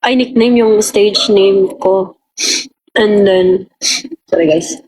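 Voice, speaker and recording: Slow, breathy young Filipino woman streamer. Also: medium pitch, dark tone, poor audio. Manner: rambling, chatty, mixing languages, answering viewer comments. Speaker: livestream host. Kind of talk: casual livestream chat.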